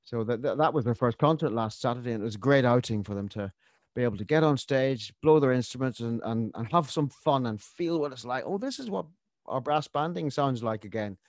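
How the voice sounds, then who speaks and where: A man's voice: mid-range voice, a little fast, darkish tone, dry recording. Irish-born choir director guy chatting on local radio, lots of restarts, dead dry sound. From Ireland. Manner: chatty, self-deprecating, many restarts. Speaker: guest, choir musical director. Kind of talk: radio interview.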